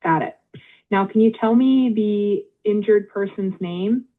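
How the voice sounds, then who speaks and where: A woman's automated phone voice acting as an intake agent, polite and measured, reading back details in scripted prompts. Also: mid-range voice. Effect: automated phone-line voice. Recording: tinny phone line.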